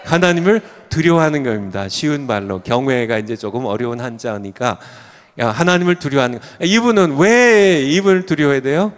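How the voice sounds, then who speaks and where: An older man preaching a revival sermon as a pastor, shouting some lines with fervor and dropping to a low voice for others, chuckling now and then. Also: animated, fairly quick. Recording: long hall reverb.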